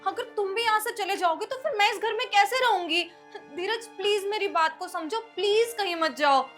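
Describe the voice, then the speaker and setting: A woman's voice: extremely high pitch, brisk, a bit bright, soft background music. A woman acting as a hot-tempered wife in a short drama, scolding her husband and later begging him to stay. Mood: pleading. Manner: scolding, then pleading. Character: hot-tempered young wife, proud then pleading. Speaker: angry wife. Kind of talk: scripted web short drama.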